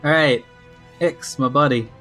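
A man's voice: medium pitch, unhurried, pushed and bright, soft background music. A man casually running an improvised tabletop role-playing game and chatting with the players.

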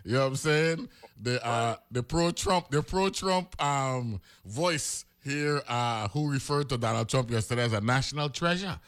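A man hosting a political talk radio show, animated and rambling with many fillers. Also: medium pitch, a little slow.

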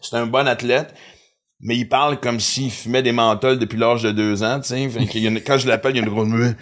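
A man's voice: medium pitch, a little fast. A man in his fifties with a Quebec French accent, a comedian chatting casually on a podcast and acting out the lines he quotes. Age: 50s. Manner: animated storyteller, acts out quoted lines. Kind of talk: casual chat.

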